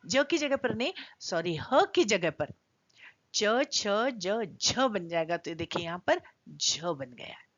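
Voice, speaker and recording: A woman's voice: medium pitch, fairly bright tone, dry recording. A middle-aged woman teaching Sanskrit grammar in a video lesson, explaining step by step and drawing out vowel sounds to show their length. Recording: dry, slightly dull lo-fi sound.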